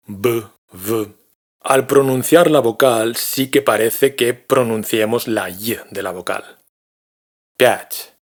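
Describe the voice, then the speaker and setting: Slow, patient man teaching pronunciation. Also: fairly low pitch. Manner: patient, explains step by step and repeats example sounds slowly. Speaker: language teacher. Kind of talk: pronunciation lesson.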